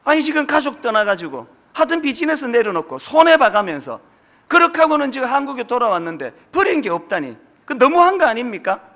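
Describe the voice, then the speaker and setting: A man's voice: very high-pitched, sing-song, fairly quick, a bit bright. A man in his fifties, a pastor preaching a sermon with chatty, anecdotal storytelling. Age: 50s.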